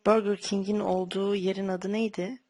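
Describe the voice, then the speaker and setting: A prank caller with a husky, creaky voice flirting coyly over the phone, with hesitant, drawn-out phrases. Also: mid-range voice, flat delivery, heavy background noise. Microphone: telephone prank call setup.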